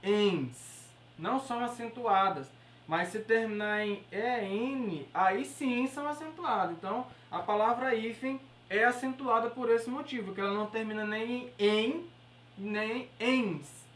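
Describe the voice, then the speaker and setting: A woman's voice: on the high side, measured pace, a little hiss or hum. A woman with a Brazilian Portuguese accent teaching an exam-prep grammar lesson, explaining step by step and checking in with her listeners. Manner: explanatory, checks in with "beleza?" and "certo?". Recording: echoey room, voice from far off the mic.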